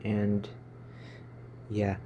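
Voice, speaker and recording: A Filipino man in his twenties, a YouTuber, rambles casually to his channel in a fairly low, mellow voice, delivered completely flat with drawn-out words and the odd stumble. He's recording on a phone in a small, stuffy room, so the highs are cut off and there's slight background noise.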